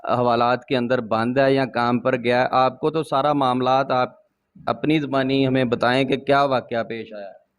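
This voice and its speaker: A man's voice: medium pitch, steady tone, moderate pace, smooth. A male news reporter giving a formal field report, addressing viewers and asking short questions.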